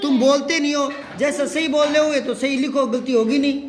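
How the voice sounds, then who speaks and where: A man's voice: extremely high pitch, fairly even intonation, a little fast. A man teaching a Hindi grammar lesson, repeating words and firing questions at his students to drill them.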